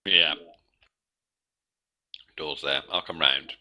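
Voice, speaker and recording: A man's voice: rumbling low, fairly even intonation, very slow, a crowd in the background. A man playing a tabletop game, talking through plans casually with the group. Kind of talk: casual game planning talk.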